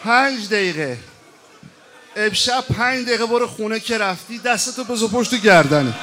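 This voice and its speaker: A man preaching a mourning sermon, moving from hushed storytelling to loud wailing shouts and chanted lines. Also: sits high, expressive, a faint crowd, slight background noise.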